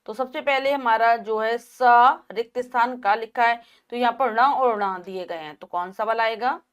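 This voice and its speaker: A woman teacher giving a Hindi lesson to children, sounding out words syllable by syllable in slow drills. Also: fairly high pitch, clear, resonant tone.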